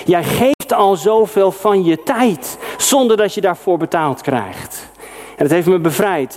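A middle-aged male preacher from the Netherlands with a fairly high voice. He delivers his sermon in a lively, personal way, with sudden emphatic exclamations. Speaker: pastor.

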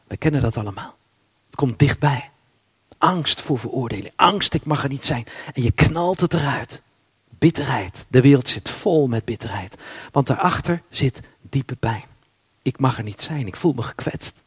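Husky-voiced male preacher, loud then hushed. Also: mid-range voice, no echo. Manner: swings between loud emphasis and hushed, near-whispered lines. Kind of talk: sermon.

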